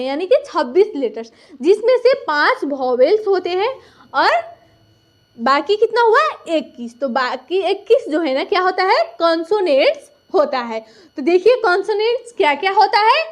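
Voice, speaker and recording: A woman teaching a recorded lesson, patiently repeating each point and asking and answering her own questions. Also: high-pitched.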